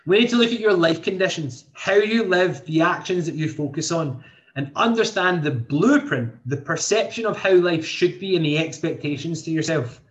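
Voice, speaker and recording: A man's voice: on the high side, moderate pace. A man, hosting a motivational podcast in an earnest way, thinking aloud with many restarts. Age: 20s. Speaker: podcast host and coach. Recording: dull lo-fi sound.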